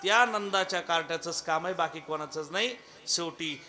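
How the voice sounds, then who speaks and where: A man's voice: on the high side, fairly quick, a crowd in the background. A man preaching a devotional kirtan sermon, telling a comic story and calling on listeners by name. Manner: humorous, animated, addresses listeners by name.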